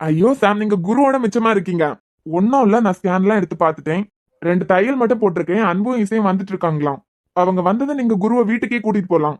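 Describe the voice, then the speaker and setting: A woman voicing a gentle, reassuring male doctor in a cartoon series, with a Kanyakumari Tamil accent. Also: medium pitch, lively intonation, quick pace, dry recording, natural voice.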